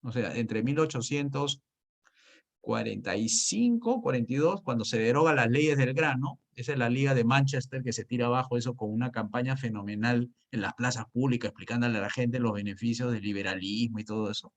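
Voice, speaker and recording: A man's voice: medium pitch, a little fast. Man, economics lecture, rhetorical questions, hesitant restarts. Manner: lively, rhetorical questions he answers himself. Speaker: economics teacher. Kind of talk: spoken lecture.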